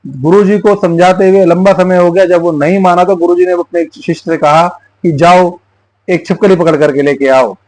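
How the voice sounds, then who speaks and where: A man hosts his channel, turning a folk tale into political commentary. He talks in a fairly high voice and leans on repetition for emphasis. The sound is dry, with no room around it. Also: steady tone, moderate pace, a little mellow, no echo, poor audio. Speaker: YouTube channel host.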